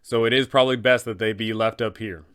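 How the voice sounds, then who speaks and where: Talking fast in a fairly low, slightly bright voice with fairly even intonation, a game master hosts a relaxed advice guide for fellow tabletop GMs. He keeps it conversational and leans on rhetorical questions.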